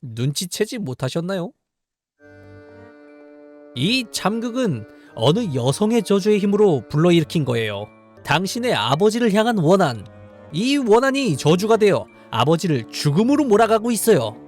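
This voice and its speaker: A man doing a calm, mysterious polite guide. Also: sits high, normal speed, faint music behind, voice pushed up.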